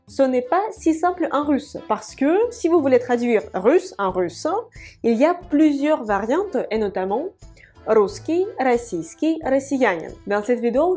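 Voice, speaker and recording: A woman teaching an online language lesson, spelling words letter by letter and saying example words slowly and carefully. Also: high-pitched, mellow. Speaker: Russian teacher. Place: room with whiteboard.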